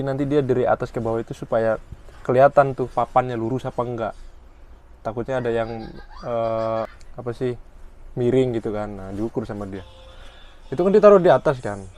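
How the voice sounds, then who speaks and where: Animated man telling a story. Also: medium pitch. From Indonesia. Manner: animated, slangy, coarse. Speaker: vlogger. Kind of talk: casual storytelling.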